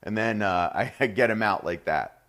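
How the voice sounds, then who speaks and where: Speaking in a lowish, fairly bright voice at a moderate pace, this cooking show host is a middle-aged man with a New Jersey accent. He runs a live demonstration, upbeat and chatty, addressing viewers directly as "you guys."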